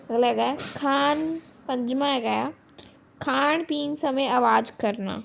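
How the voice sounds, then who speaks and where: A woman gives a vocabulary lesson at a very slow, deliberate pace, repeating every word several times. Her voice is fairly high with a gravelly edge, and a faint hum sits behind her. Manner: repeats each word slowly, saying the English words louder. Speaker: English teacher.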